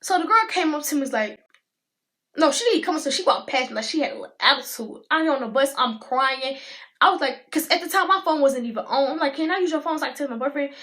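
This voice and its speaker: A teenage woman, telling a storytime in a chatty, animated way and talking to viewers as y'all. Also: high voice, brisk. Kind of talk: casual storytime vlog.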